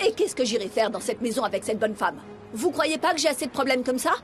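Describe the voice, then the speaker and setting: A woman dubbing a vengeful middle-aged daughter, high voice, swooping lively pitch, intense, faint music behind. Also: fast, lightly acted. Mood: stern. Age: 40s. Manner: intense, accusatory, dramatic. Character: bitter vengeful middle-aged woman, furious at her mother. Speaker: dub actress. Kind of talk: French dub of a TV drama.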